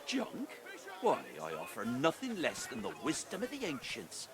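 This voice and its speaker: Pompous, wildly swooping fantasy merchant. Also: male voice, on the high side, wildly swooping pitch, moderate pace, over music. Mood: indignant. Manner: pompous, theatrical. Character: indignant, grandiose fantasy merchant peddling ancient wisdom.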